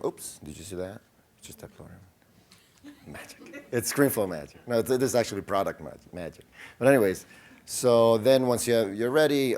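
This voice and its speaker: A man presenting a live product demo at a conference, his voice turned deep and demon-like by the microphone, talking casually with jokes and many fillers. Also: a little mellow. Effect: mic makes his voice sound deep and demon-like. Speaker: conference presenter, company founder. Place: conference hall stage.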